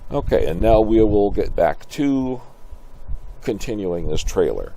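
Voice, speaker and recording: An older man giving halting, musing, off-the-cuff commentary in a grandpa voice, as host of a reaction video. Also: lowish voice, very animated, gravelly, mellow, faint music behind. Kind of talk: casual off-the-cuff trailer commentary. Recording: slight background noise.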